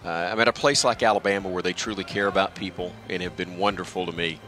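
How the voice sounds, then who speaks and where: Speaking quickly in a deep, sharp-toned voice with fairly even intonation, a middle-aged guest reflects on himself with self-deprecating humor. He's a radio play-by-play announcer interviewed in a baseball stadium's press booth. A broadcast headset picks him up against the outdoor sounds of the ballpark.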